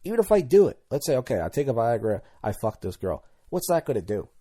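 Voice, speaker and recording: Thirtysomething guy rambling solo on his podcast, soft dark tone, keeps repeating himself. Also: mid-range voice, sing-song, quick pace. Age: 30s. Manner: rambling, candid, stumbles and repeats words. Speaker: podcast host. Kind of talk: casual solo monologue.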